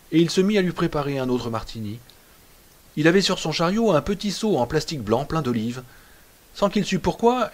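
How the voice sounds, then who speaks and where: A man narrates an audiobook at a measured pace. His reading is expressive and his voice sits somewhat high.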